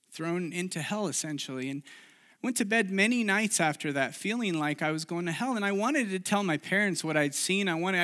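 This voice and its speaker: A man's voice: a little high, fairly bright tone. Earnest man preaching a personal testimony. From Chile. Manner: earnest, confessional, with many restarts.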